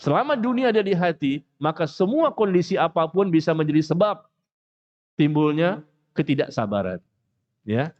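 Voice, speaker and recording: High-voiced man preaching in a mosque. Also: moderate pace, muffled recording. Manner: animated, jokes, acts out quoted speakers. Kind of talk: mosque lecture.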